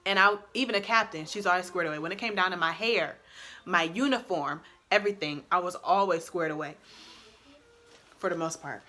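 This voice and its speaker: A woman's voice: on the low side, fairly quick. A young adult woman who served in the army, chatting expressively and laughing often as she gives casual advice on her vlog. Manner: chatty and expressive, laughs often, loud and bold when excited. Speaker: vlogger and army soldier.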